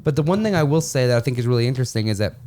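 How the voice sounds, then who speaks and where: A man on a podcast in casual chat, telling stories quickly and with animation. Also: medium pitch. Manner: fast, animated storyteller. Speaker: podcast panelist.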